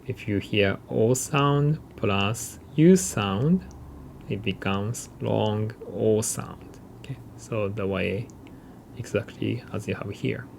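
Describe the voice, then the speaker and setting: Male language teacher, unhurried delivery, gravelly edge, patient repeated examples. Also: fairly low pitch, a little mellow, a little hiss or hum. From Japan. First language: Japanese. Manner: explains patiently, repeating and drawing out example sounds. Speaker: Japanese language instructor. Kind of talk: recorded mini-lecture.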